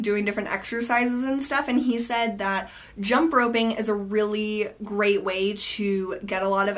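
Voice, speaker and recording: A woman's voice: mid-range voice, a bit bright. A young woman from the United States chatting casually through a beauty product review, sounding nasal and stuffed up from allergies, with lots of fillers. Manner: chatty, upbeat, many fillers and likes. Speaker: beauty vlogger.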